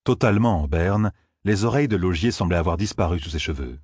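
A man's voice: low-pitched, fast talker, slightly rough, dry recording, clean studio sound. A man narrating a fantasy audiobook expressively. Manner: expressive, voices each character.

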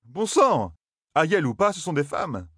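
A man voicing an exasperated young man who protests loudly and in disbelief. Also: fairly high pitch, big pitch swings, measured pace, breathy edge, no echo, clean studio sound, voice pushed up, heavily acted. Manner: loud, incredulous protests.

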